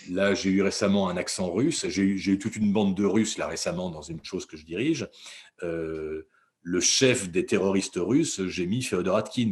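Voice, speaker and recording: Man, very deep low voice, dubbing director, casual interview chat, rambling and chatty. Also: a little mellow. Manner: rambling, chatty, self-correcting.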